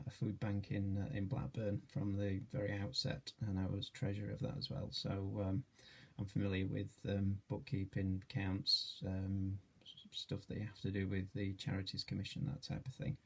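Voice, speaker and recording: Low, gravelly, husky middle-aged man. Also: monotone, normal speed, few pauses. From Yorkshire, England. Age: 40s. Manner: hesitant, many fillers, modest. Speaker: charity trustee and treasurer. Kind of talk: self-introduction video.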